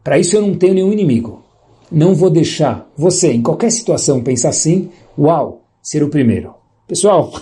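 Husky-voiced Brazilian man preaching animatedly. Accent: Brazilian Portuguese. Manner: animated, swings his voice high and low, slows for emphasis. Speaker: religious teacher. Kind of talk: sermon with a told story.

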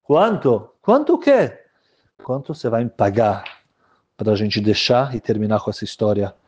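A man voicing a grave older rabbi who scolds quietly and firmly. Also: fairly low pitch, lively intonation, moderate pace, slightly rough, dull audio. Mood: stern. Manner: firm, hushed, admonishing. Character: stern older male rabbi, firm and grave.

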